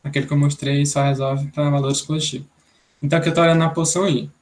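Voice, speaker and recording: A man's voice: on the high side, little pitch movement, very fast, darkish tone. Young Brazilian man explaining algorithms. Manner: explanatory, thinks aloud, many "né?" tags. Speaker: instructor. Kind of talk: online programming class.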